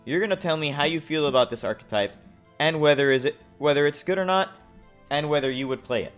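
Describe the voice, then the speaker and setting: A man co-hosting a casual gaming podcast, animated and teasing, sometimes acting out silly voices. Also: a little high, fast talker. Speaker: podcast co-host. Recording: faint music bed behind.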